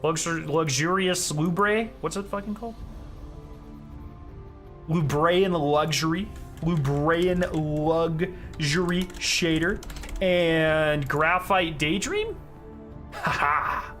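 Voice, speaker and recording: A man's voice: a little high, slow pace, a bit bright, soft background music. A man chatting casually on a live stream as its host, in an informal, rambling way. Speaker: streamer hosting a charity fundraiser.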